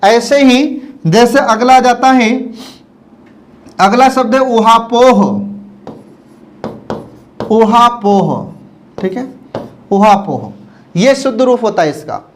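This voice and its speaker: A man teaching a spelling lesson. He says each word slowly and more than once, and keeps checking that the students follow. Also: extremely high pitch, lively intonation. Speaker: Hindi teacher. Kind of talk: classroom lecture on word spelling.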